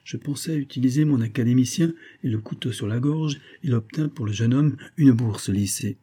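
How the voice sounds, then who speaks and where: Man reading as proud wounded older gentleman, insistent and agitated, warm husky voice, audiobook. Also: mid-range voice, a little fast, close to an everyday voice. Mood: self-justifying. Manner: agitated, reasoning aloud, insistent. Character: bitter obsessive middle-aged man, proud and wounded.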